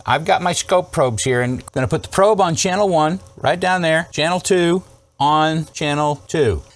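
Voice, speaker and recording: In a voice on the high side and at normal speed, a man hosts an electronics repair series, casually demonstrating hands-on troubleshooting. He stays emphatic throughout, posing rhetorical questions and checking in often.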